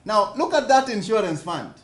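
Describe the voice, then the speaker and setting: At a business forum in a conference hall, a Kenyan man gives an interactive seminar, his high-pitched voice expressive and moving at a moderate pace. He keeps putting questions to the audience and going back over his points.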